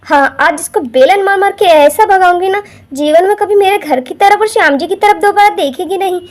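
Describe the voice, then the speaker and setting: A woman's voice: extremely high pitch, moderate pace. A woman voicing a brave, fussing young housewife who talks herself through every step in running commentary, in a homemade doll drama. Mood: determined.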